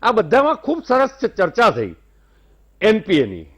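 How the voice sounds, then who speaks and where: A man's voice: sits high, wildly swooping pitch, a little slow, husky. A man with a Gujarati accent, a guest on a TV news debate, speaking formally and courteously. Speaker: debate guest, industry-side panelist. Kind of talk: measured debate commentary.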